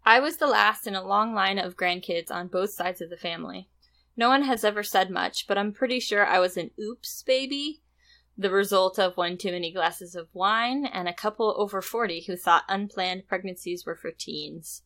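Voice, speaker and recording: A woman co-hosting a podcast, reading a story aloud in a steady storytelling way between casual chat. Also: mid-range voice, moderate pace. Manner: steady storytelling read with light laughs. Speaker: podcast co-host.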